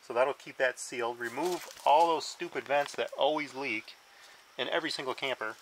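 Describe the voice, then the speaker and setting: A man's voice: medium pitch, normal speed, slight background noise, poor audio. A man explaining, in a practical, matter-of-fact way, how he will fix up an old camper, speaking by and inside it. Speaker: friend describing his repair plans. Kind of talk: casual explanation.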